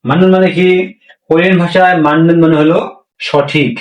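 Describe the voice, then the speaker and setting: A man with a fairly high voice and fairly even intonation speaks briskly while teaching pronunciation rules step by step. He repeats himself and answers the questions he raises, and the room is echoey with the mic far away.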